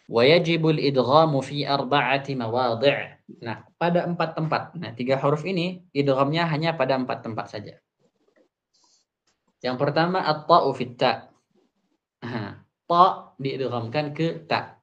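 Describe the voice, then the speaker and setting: A man teaching Quran recitation rules, explaining an Arabic text step by step, repeating each example slowly. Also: medium pitch, a bit bright. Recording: dull muffled online audio.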